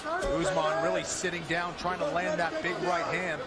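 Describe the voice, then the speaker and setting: A male color commentator with a high-pitched voice analyzes a live MMA bout. He sounds conversational, with a very loud arena crowd behind him. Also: level tone, normal speed. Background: crowd noise.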